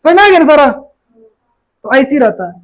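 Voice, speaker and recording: A woman's voice: sits high, sing-song, moderate pace, rough recording. A woman teacher giving a classroom grammar lesson, repeating each word and quizzing her students.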